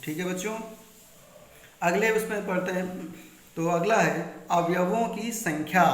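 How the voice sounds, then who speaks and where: Male maths teacher, Hindi-speaking north Indian accent, slightly raised pitch, repetitive self-answering quiz style, recorded in an echoey room. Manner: repeats key points and quizzes students with questions he answers himself. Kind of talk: classroom lesson explaining step by step.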